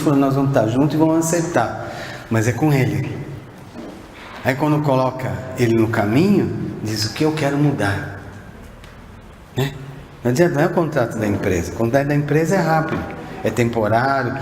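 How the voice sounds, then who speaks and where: A Brazilian man giving a spiritist lecture, posing one rhetorical question after another and sometimes speaking softly to a single listener. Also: medium pitch. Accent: Brazilian Portuguese. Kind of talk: sermon-like lecture. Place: spiritist center hall. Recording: echoey hall with faint background noise.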